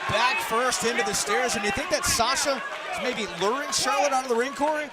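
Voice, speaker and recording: High-pitched male wrestling commentator, loud crowd. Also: fairly quick. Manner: emphatic, dramatic calls. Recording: loud arena crowd noise. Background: roaring crowd in an arena.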